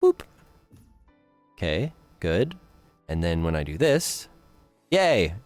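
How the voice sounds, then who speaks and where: A man's voice: low-pitched, very animated, takes it slowly, a little mellow, faint music behind. A man streaming live, chatting casually with viewers and thinking aloud as he builds.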